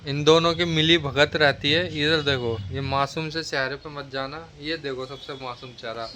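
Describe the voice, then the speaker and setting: A man's voice: on the high side, steady tone, normal speed, pushed and bright. A young man joking and teasing his partner in a casual home vlog, talking to viewers. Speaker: vlogger. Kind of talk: casual couple vlog chat.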